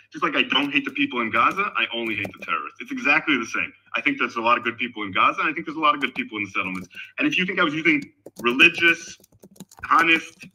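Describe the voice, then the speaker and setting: Middle-aged man from Israel for a voice-chat debate, lively pitch, emphatic with restarts. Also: a little hiss or hum, rough recording. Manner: animated, emphatic, with frequent restarts. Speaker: guest in an online discussion. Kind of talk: casual debate talk. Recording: voice call on a discussion server.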